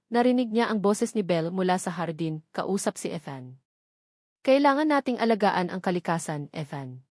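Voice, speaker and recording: In a dry, clean studio recording, a woman narrates a scripted romance story full of drama. She has a Filipino accent and a mid-range voice with a darkish quality.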